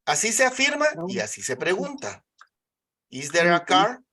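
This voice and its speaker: A teacher walks students through grammar, speaking with English examples. The voice sits at a medium pitch, and the delivery is patient, repetitive and full of comprehension checks. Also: sing-song, unhurried, pushed and bright. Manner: patient, repeats and checks understanding. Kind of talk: live online English class.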